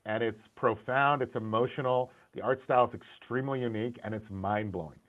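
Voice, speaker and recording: A middle-aged man of Syrian background, raised in the US, works as a concept art and animation director and speaks frankly in a relaxed interview. His pitch is medium and his pace a little fast, with frequent restarts and repeated words, all captured in tinny call audio resembling a phone.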